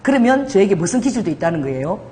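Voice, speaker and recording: Middle-aged lady pastor preaching, lively up and down voice, laughs a lot. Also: medium pitch, fast. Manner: animated, laughing storytelling preacher. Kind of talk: sermon.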